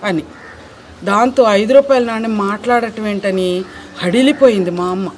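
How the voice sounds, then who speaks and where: A woman narrating a children's moral story in a lively, expressive way. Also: mid-range voice, moderate pace, a little hiss or hum.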